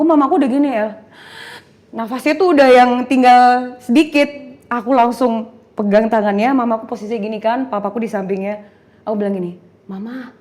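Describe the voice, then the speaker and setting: A woman's voice: on the high side, a little mellow. A young woman telling an emotional personal testimony in an interview, acting out the dialogue in her story and slipping in English phrases. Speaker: guest giving a testimony.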